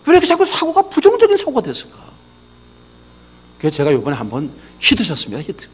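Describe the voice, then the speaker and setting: A man delivers a sermon in a high, bright-pitched voice that leaps up and down as he tells stories. His tone is chatty and folksy. He drops into low, confiding asides, then rises into excited exclamations. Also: fast, husky. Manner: animated storytelling, swinging between low asides and raised exclamations; conversational, folksy. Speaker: pastor.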